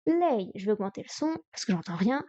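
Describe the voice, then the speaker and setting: A woman's voice: medium pitch, very animated, fairly quick, dark tone, highs cut off, slight background noise. A woman on a live stream studying Chinese vocabulary, repeating words, counting strokes aloud and chatting to herself as she goes.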